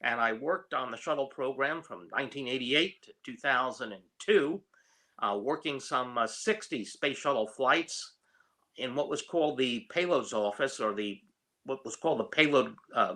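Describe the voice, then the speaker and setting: Bright-voiced older man recounting his career. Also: mid-range voice, lively intonation. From New York. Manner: unhurried, many ums, explains clearly. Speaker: guest, retired space engineer. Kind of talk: telling his career story.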